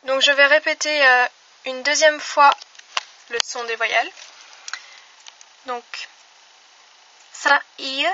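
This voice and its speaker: A woman giving an online language lesson, explaining sounds patiently and step by step with small pauses. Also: high voice, fairly even intonation. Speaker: language teacher. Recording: slightly dull recording with faint hiss.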